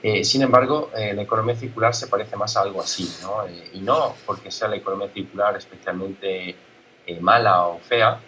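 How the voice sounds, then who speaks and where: Low bright-voiced Italian man, halting talk. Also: a little hiss or hum, rough recording. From Italy. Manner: halting, many fillers and restarts. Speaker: guest speaker. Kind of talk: conference talk.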